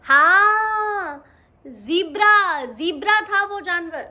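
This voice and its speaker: A woman reads a children's story slowly and expressively, with a very high, bright voice. She often pauses to ask her young listeners questions. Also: lively intonation.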